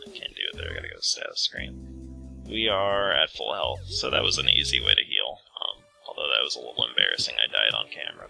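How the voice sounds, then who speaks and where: A man's voice: sits low, creaky, pushed and bright, low-quality recording. A man hosting a let's play with casual, rambling, self-deprecating game commentary.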